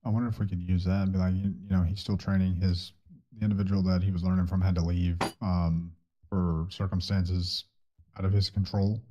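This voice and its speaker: A man playing a lawyer in a courtroom role-play game, thinking aloud with hesitant pauses. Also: low-pitched, little pitch movement, warm tone, highs cut off.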